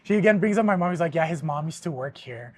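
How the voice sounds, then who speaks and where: A young man hosting a podcast, telling a story in casual chat, animated and swearing often, with laughs mixed in. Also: fairly high pitch, fast talker. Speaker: podcast host.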